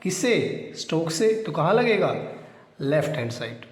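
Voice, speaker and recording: A man's voice: fairly high pitch, big pitch swings, moderate pace. A man teaching a shorthand class, who asks his own questions, answers them, and repeats the key points. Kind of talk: classroom lesson, Hindi mixed with English. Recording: echoey room with long reverb.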